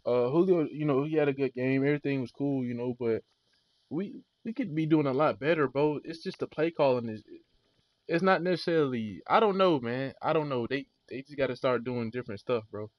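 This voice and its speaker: A man's voice: mid-range voice, no room sound, highs cut off. A tired man livestreaming a casual, slangy sports recap and rant, peppering his talk with bro and man. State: tired after being up all night.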